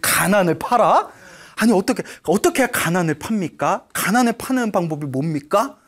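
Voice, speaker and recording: A Buddhist nun voicing a poor, weeping old woman who has been a servant all her life, with a slow, pleading manner. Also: medium pitch, sing-song. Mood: pleading lament.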